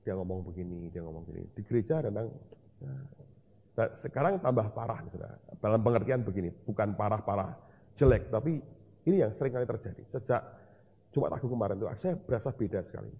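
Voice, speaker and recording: A man preaching in a large church hall, with a long reverb trailing behind each phrase. His voice is dark and husky, and he tells his testimony like a story, acting out the dialogue of each person in it. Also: on the low side, animated, fast. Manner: storytelling, acting out dialogue, mixes in English words. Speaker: pastor.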